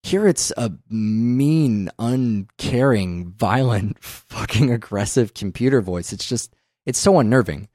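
A man co-hosting a casual film podcast, talking animatedly, swearing often and acting out scenes in quick voices. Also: mid-range voice, expressive, warm tone, no room sound, studio quality. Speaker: podcast co-host.

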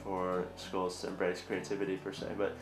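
A man's voice: low voice, completely flat delivery, moderate pace, reverberant, faint music behind. A young man telling his story in a documentary interview with dry, sarcastic humor. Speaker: student interviewee.

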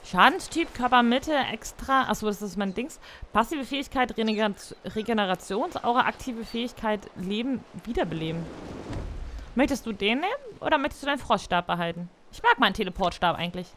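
A woman's voice: fairly high pitch, lively intonation, a little fast, a bit bright, slight background noise. A woman playing a co-op video game, cheerful, reading game text aloud. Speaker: co-op gaming partner. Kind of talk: casual co-op gaming chat.

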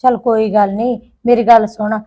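This actress, speaking in a slightly high, steady, fairly quick voice with a dark, natural tone, plays a married daughter in a village short film. With a Punjabi accent, she chats away and complains about her mother-in-law.

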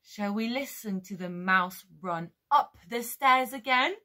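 A woman with a British accent leading a music lesson for toddlers, singing and telling a story in a slow, exaggerated way. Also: mid-range voice, pushed and bright. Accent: British English. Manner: sing-song, slow and exaggerated for small children. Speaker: children's music teacher. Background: guitar music.

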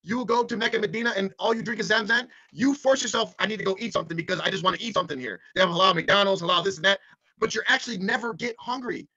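A man's voice: high-pitched, quick pace, creaky, bright, forceful tone, highs cut off. A man in a casual group chat, telling stories earnestly and emotionally. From United States. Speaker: podcast panelist.

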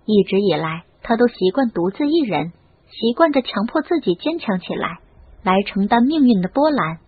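A woman narrating a novel audiobook in an expressive storytelling manner. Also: mid-range voice, moderate pace, breathy edge. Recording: lo-fi phone-like audio. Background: faint music.

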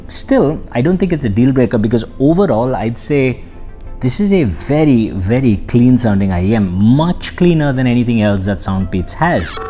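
A male tech reviewer talking in a relaxed, conversational way, his pitch swinging widely as he makes his points. He breaks off for joking asides about himself, with soft music under his voice. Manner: chatty, self-deprecating asides. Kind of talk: casual product review.

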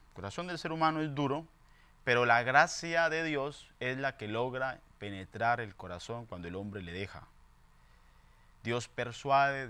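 A man in his thirties serving as a priest at Mass. His voice is bright and forceful with an average pitch, carrying Gospel reading and homily from a chapel lectern. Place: small indoor chapel. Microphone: lectern gooseneck microphone.

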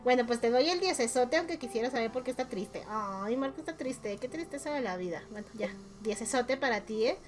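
A chatty Mexican woman with a somewhat high voice rates her friends' game profiles in a relaxed, teasing way and laughs often. Faint music plays underneath her talk. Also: brisk, few pauses. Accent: Mexican Spanish. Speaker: gaming YouTuber. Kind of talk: casual chat while rating game profiles.

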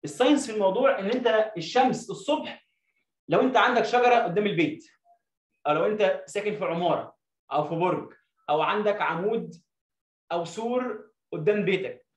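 A man with an Egyptian Arabic accent, teaching an English lesson. He reads English sentences slowly, word by word, and asks questions that he answers himself. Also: high-pitched, reverberant, poor audio. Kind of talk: explaining a lesson to young pupils.

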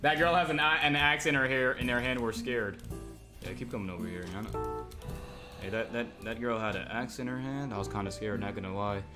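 A man's voice: mid-range voice, fairly even intonation, fairly quick, loud music behind the voice. A man streaming a Minecraft roleplay, chatting casually with his viewers between playing a character. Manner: chatty, jokey, talks to chat while playing.

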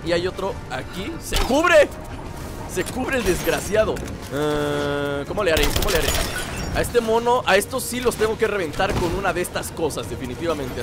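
A young man giving excitable let's play commentary, cheering on the game character and repeating words in quick bursts. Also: sits high. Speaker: gaming channel host.

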